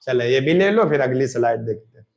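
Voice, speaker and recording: A man's voice: mid-range voice, expressive, brisk. A man teaching Hindi grammar for exam prep, sounding out examples and answering his own questions.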